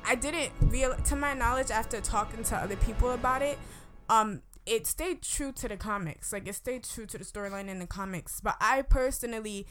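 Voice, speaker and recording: A woman's voice: a little high, normal speed, fairly bright tone, soft background music. Woman talking with braces, casual review. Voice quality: slight speech impediment from braces and rubber bands, slurred on some words. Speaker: movie reviewer. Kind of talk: casual unscripted film review chat.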